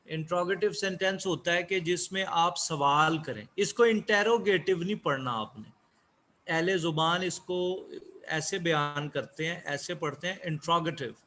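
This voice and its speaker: Male teacher, online class, measured and repetitive delivery, slightly high-pitched. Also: pushed and bright, slight background noise. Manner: slow, repeats key words. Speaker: English teacher.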